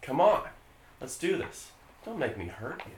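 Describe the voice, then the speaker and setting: Man doing a creepy 19yo predator, low hushed sleazy voice, echoey room. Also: big pitch swings, normal speed, a little hiss or hum, natural voice. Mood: sleazy menace. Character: creepy predatory nineteen-year-old man.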